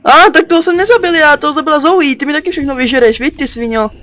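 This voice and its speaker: Teen male let's-player from Czechia, very high and bright, jumpy, curses at monsters. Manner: jumpy, yelps and curses at enemies. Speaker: gaming channel host. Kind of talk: let's play commentary.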